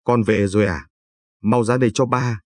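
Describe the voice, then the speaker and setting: A man's voice: on the low side, steady tone, moderate pace, darkish tone, dry recording, clean studio sound, lightly acted. A man reading the lines of a stern, grieving older father in a spoken story. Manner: stern, scolding.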